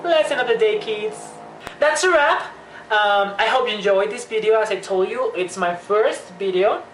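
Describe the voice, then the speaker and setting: A young woman giving a joking, animated comedy vlog monologue, talking with playful exaggeration. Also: medium pitch, moderate pace, slight background noise. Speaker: vlogger. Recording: echoey room.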